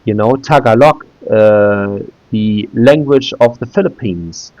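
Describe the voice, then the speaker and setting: Here a native German speaker in his 30s talks in English while clicking through a website for a casual screen-recorded video, often saying "uh" and starting over. He speaks slowly in a lowish, darkish voice, and the lo-fi recording is dry.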